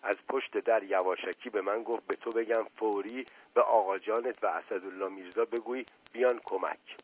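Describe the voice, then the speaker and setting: Man doing an anxious hushed teenage girl. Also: on the low side, fairly even intonation, slightly rough, poor audio. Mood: worried. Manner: hushed, hurried.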